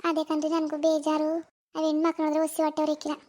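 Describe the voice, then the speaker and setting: A firm, caring middle-aged village woman in a cartoon, as a woman puts her on, loud and consoling yet a little bossy. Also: sits high, completely flat delivery, fast, lightly acted. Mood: persuading. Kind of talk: cartoon voice acting.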